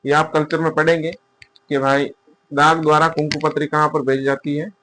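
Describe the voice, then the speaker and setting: A male teacher giving a casual exam-prep lecture, asking questions and answering them himself, and repeating key terms slowly as he writes them down. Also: on the high side, little pitch movement, a bit bright, slight background noise. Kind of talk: casual classroom-style lecture.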